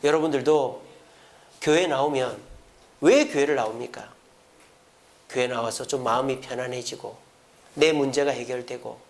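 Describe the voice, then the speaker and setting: A man preaching a Sunday sermon as senior pastor, asking his congregation rhetorical questions and acting out their complaints in a raised voice. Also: a little high.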